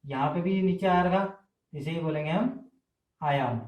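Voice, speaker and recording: Male tutor, higher voice, drills terms by asking and answering, camera audio in an echoey room. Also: unhurried, lo-fi sound. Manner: asks questions and answers them himself, repeats key terms. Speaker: exam-prep teacher. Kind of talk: classroom lecture. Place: indoor room filmed on camera. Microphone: camera mic.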